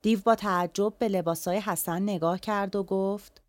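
A woman telling a folk tale in an animated, colloquial storyteller's voice. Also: medium pitch, no room sound.

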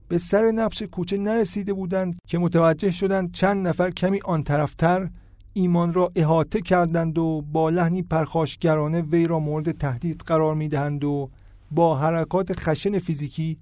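A man narrates a story in a measured, steady way. His voice is mellow and fairly high, recorded close and dry with no room sound. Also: dry recording. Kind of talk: audiobook narration.

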